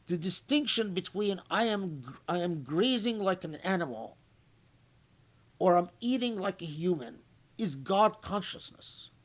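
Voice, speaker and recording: A male scholar gives a commentary lecture at a slow, unhurried pace. He thinks aloud, breaks off and restarts his phrases, and slips short recited Arabic lines in between his English explanations. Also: high voice, animated. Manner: halting and reflective, with frequent restarts. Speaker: scholar giving Quran commentary.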